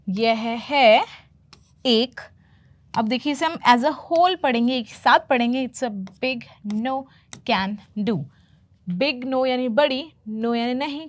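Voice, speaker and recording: A woman teaching English, patiently explaining movie phrases and repeating them slowly. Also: fairly high pitch. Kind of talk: explaining movie lines in a lesson.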